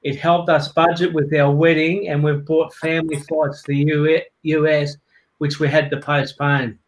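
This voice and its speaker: An Australian man hosts a live chat and reads viewer comments with upbeat energy. His voice sits a little higher than most men's. He talks casually and is friendly. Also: level tone, moderate pace, low-quality recording. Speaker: host. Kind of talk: live-stream hosting, reading comments.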